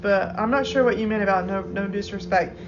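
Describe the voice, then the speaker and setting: A woman's voice: mid-range voice, brisk, highs cut off, crowd noise. A woman chatting casually on a phone live stream, rambling with many restarts. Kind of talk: casual chat.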